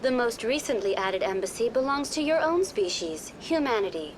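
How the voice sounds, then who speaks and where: A woman voicing a courteous virtual intelligence guide in a science fiction game, formal, measured and impersonal. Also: fairly high pitch, lively intonation, noisy background, natural voice. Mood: polite, composed. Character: courteous female virtual intelligence tour guide on a space station. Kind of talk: scripted informational game dialogue.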